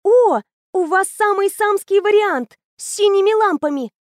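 A woman reader voices a bubbly fifteen-year-old girl, pitching her high and bright as she chatters quickly with eager, know-it-all excitement. The storybook delivery is dry and close, with no room sound at all. She gushes in rapid, breathless bursts of enthusiasm.

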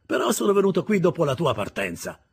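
Rich: A surly, insolent workman speaks in a gruff, sullen drawl, as a male reader puts him on. His voice is husky and raised a little, in a spoken audiobook. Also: fairly high pitch, sing-song, fast talker, pitched above the performer's own voice, full character voice.

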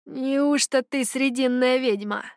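A cruel male warrior sneers in a creaky voice, as a woman reads him aloud. He sounds mocking and commanding, in the manner of a storybook villain. The voice sits above the reader's own pitch and comes out loud. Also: slow pace, no room sound, clean studio sound. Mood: suspicious.

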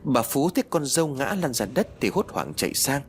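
A man narrating a ghost story audiobook in a dramatic, expressive storytelling manner. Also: medium pitch, brisk, faint music behind.

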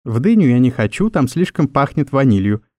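A man's voice: very animated, fairly quick, darkish tone, dry recording, lightly acted. Timid young secretary girl, read by a man. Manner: timid, squeaky.

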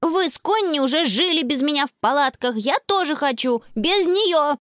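A woman's voice: high voice, expressive, moderate pace, a bit bright, no room sound, clean studio sound, voice pushed up. A woman voicing a stubborn, sulky little boy in an audiobook, whining and insisting. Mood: whiny. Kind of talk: audiobook character voice.

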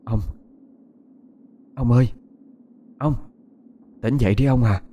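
A man voicing an older grieving mother with a worried, gently coaxing manner. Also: medium pitch, fairly even intonation, takes it slowly, highs cut off, slight background noise, lightly acted. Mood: startled.

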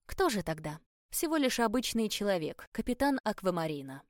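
A self-assured ship captain who flirts easily, voiced by a woman reading an audiobook, teasing and confident. His delivery sits at a middling pitch, and the recording is dry and close with no room sound. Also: big pitch swings, a little fast, no echo, lightly acted.

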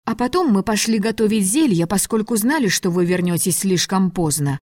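A woman's voice: mid-range voice, expressive, moderate pace, darkish tone, no echo, clean studio sound, natural voice. Frightened young captive, urgent and pleading, voiced by a woman reader. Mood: anxious, pleading.

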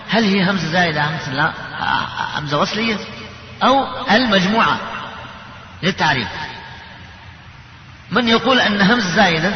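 High-voiced teacher in an echoing hall. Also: male voice, a little hiss or hum. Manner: explains rules with spoken examples, chants verses slowly. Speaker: tajwid teacher. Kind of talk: Quran recitation lesson. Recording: echoey hall, dull lo-fi sound.

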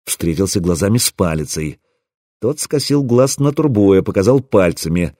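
A man narrating an audiobook in the first person, wry and expressive. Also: low voice, normal speed, no room sound, studio quality.

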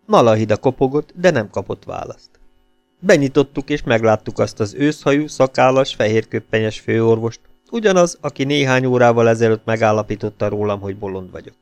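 A man narrates an audiobook in a steady, storytelling manner. His voice has a gravelly texture, and the recording sounds close and dry. Faint music sits beneath it. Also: fairly low pitch, no room sound. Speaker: audiobook reader.

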